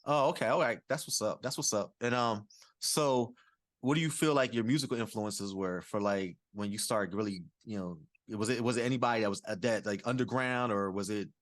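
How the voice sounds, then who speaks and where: A man's voice: fairly low pitch, fairly quick, no room sound. A man hosting a podcast, interviewing a guest in an easygoing way, with lots of "yeah" and "that's what's up.". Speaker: podcast host. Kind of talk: casual interview.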